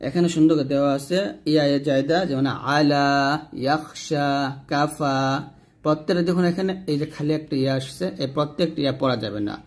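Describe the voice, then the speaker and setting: A man teaching the rules of Quran recitation in a fairly high voice, walking through a book page by page. He points out examples as he goes and slowly draws out and chants each example word. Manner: slow drawn-out chanting of example words; points at the page while explaining. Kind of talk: explaining tajweed rules from a book.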